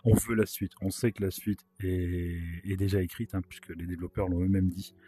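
A man with a sore throat and a worn-out, hoarse voice gives chatty, casual commentary as he plays a video game, with wry asides. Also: sits low, level tone, a little fast, dark tone. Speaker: gaming video host.

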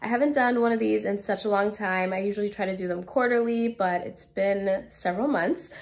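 A woman's voice: medium pitch, steady tone, a little fast. A young woman with a stuffy, congested voice shows off her favorite things in an upbeat, chatty way. She walks from room to room of her apartment while she talks, like a casual lifestyle vlogger. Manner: chatty and enthusiastic, walking around. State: congested from a cold. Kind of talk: casual home vlog walkthrough. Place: apartment indoors.

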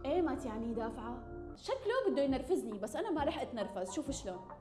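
Super high voiced levantine arabic girl yelling and laughing thru a game, bouncy swingy pitch. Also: racing, roomy sound, music in the background. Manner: animated, jokey, bursts into shrieks and gasps. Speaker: gaming YouTuber. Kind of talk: excited gameplay commentary.

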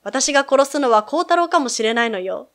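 A woman's voice: sits high, expressive, a little fast, a bit bright. A woman voicing a frightened young woman in a game who pleads anxiously. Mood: desperate. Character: frightened young woman haunted by her past.

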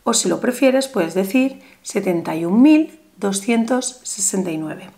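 A woman guiding a spiritual ritual in a soft, soothing voice that often drops to a whisper, chanting numbers slowly and deliberately. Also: mid-range voice, animated, creaky. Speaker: spiritual guide. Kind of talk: guided ritual instruction.

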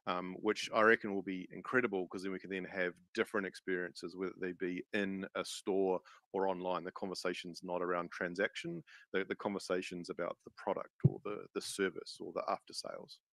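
Casual, low-voiced man on a panel, loose and filler-heavy. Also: level tone, a little fast, vocal fry, fairly bright tone, no room sound. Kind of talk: panel discussion. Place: conference stage with audience.

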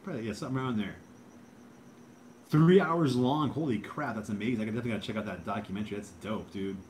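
A man's voice: lowish voice, fast talker, a little hiss or hum. A young man hosting a casual livestream, hesitant and self-deprecating as he answers viewer comments. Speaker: livestream host.

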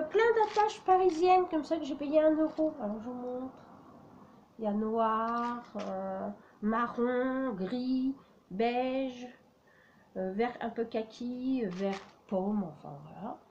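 Lady slowly showing off her craft finds, lots of euh, bit high voice, dull lo-fi sound. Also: a little mellow, slight background noise. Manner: hesitant, many "euh" and "voilà". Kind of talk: casual show-and-tell vlog.

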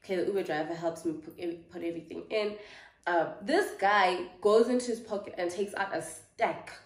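A South African woman in her twenties tells a story in a chatty, filler-heavy vlog style. Her voice sits somewhat low for a woman. The room around her is echoey. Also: a little fast. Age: 20s. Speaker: vlogger. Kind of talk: casual storytime chat.

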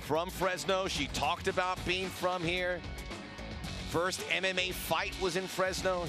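A man giving live play-by-play commentary for a combat sports broadcast. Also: on the high side.

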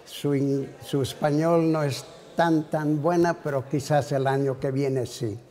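An older man making unscripted remarks to introduce a colleague, halting and broken into short phrases. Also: on the high side, fairly even intonation, over music. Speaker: panel speaker introducing a colleague. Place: indoor conference hall, panel table. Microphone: table conference microphone.

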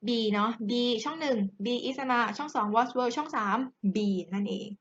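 A woman's voice: a little high, muffled recording. Thai woman teaching English grammar, chatty. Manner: chatty, warm older-sister teacher voice, reads English examples slowly. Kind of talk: explaining grammar exercises to students.

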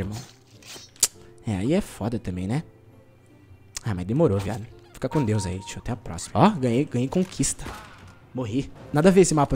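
A young man from Brazil streaming a shooter game, talking in slangy, joking banter with his chat. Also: mid-range voice. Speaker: gaming streamer. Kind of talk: casual live gameplay commentary.

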